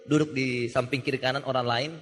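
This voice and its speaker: Young guy doing a jokey seminar story, bright sharp voice, big echoey hall. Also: medium pitch, brisk. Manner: animated, joking, acts out quoted voices. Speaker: motivational speaker. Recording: reverberant hall.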